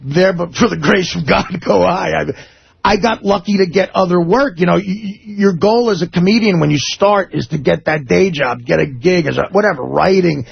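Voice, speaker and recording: A male comedian co-hosts a radio show with a high, gravelly voice. He rambles and restarts his sentences often. The sound is a little husky and muffled, as on a radio broadcast. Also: moderate pace. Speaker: comedian co-host. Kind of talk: talk radio banter. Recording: slightly dull radio broadcast.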